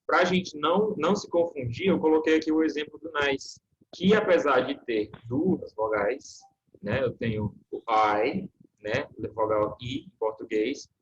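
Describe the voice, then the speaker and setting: A man's voice: mid-range voice, lo-fi sound, slight background noise. Man teaching an online class. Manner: patient, checks in with frequent "né?" and "tá?". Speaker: English teacher.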